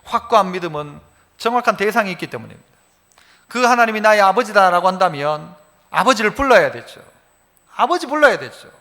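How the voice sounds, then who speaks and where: A man's voice: high voice, sing-song, fairly quick, bright, forceful tone, big-room sound. A male pastor, preaching a sermon in a church sanctuary in a conversational way, asking the congregation many questions.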